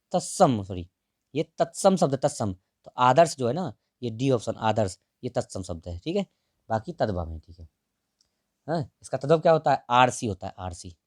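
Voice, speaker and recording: A man going through exam answers as a teacher, repeating key terms and trailing off low at the ends of lines. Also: darkish tone, no echo, clean studio sound. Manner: repeats key words, drops to a low murmur at line ends. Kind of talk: explaining test answers.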